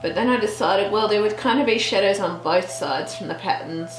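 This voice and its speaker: A woman hosting a relaxed real-time colouring tutorial, chatting and thinking aloud with trailing restarts as she works. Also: medium pitch, fairly quick. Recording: roomy echo with faint background music.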